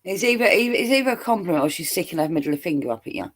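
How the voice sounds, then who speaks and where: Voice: mid-range voice, lively intonation, rapid-fire, fairly bright tone. A co-host chatting casually on a livestream, teasing and laughing often. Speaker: stream co-host. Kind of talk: casual stream chat.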